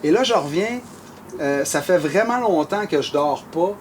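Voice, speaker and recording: A man with a Québécois French accent tells a long story in casual chat, animated and rambling, full of fillers and restarts. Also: a little high, normal speed, slight background noise. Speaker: musician telling a story.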